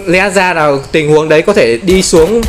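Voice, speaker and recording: A man giving excited gameplay commentary, often exclaiming and playfully taunting enemies. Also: a little high, normal speed, a little hiss or hum.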